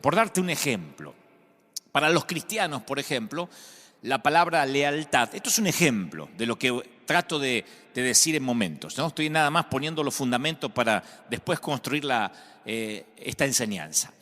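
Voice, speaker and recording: A man's voice: mid-range voice, big pitch swings, moderate pace, pushed and bright. A man from Argentina with an Argentine Spanish accent, preaching a sermon as pastor, telling stories with humor and emphasis. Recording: long hall reverb.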